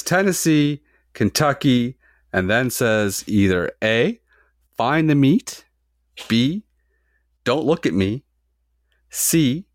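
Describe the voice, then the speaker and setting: A man's voice: medium pitch, no echo, clean studio sound. Man quizzing friends on a podcast. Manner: reads quiz questions and options, swears casually. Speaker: podcast host running trivia quiz. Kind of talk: casual podcast trivia.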